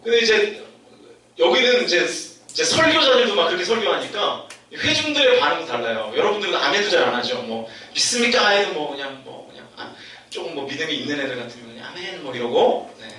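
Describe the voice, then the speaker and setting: Youth pastor guy preaching, chatty storyteller, bright voice, really echoey church hall mic far off, bit of hiss. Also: a little high, big pitch swings, fairly quick. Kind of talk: sermon to young adults.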